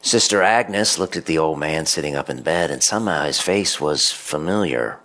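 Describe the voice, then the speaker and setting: Priest, very deep, gravelly, lively intonation, solemn measured reading. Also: male voice. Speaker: pastor. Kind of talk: homily with scripture reading.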